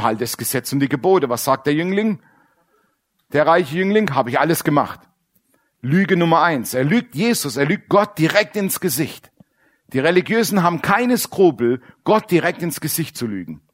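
A man preaching a sermon in a blunt, animated way, acting out quoted characters and dropping to quiet asides. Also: fairly high pitch.

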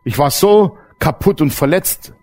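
A man preaching a sermon, blunt and earthy, swinging between loud emphatic outbursts and hushed low passages. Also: expressive, unhurried. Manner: blunt, earthy everyday language. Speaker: pastor.

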